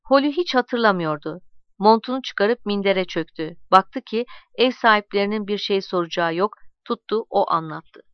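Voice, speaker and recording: Woman narrating a storybook, calm measured reading, smooth clear voice, dry dull recording. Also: medium pitch, dry recording.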